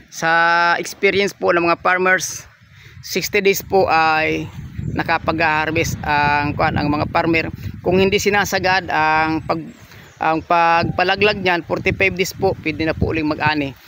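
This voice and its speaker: A man's voice: fairly high pitch, flat delivery, measured pace, sharp tone, slight background noise. A man, narrating a walking tour of a farm lot for sale, politely pointing things out as he goes. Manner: polite, repeats "yan po" and "oh" while pointing things out. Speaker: real estate agent giving a property tour. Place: outdoors on a coconut farm.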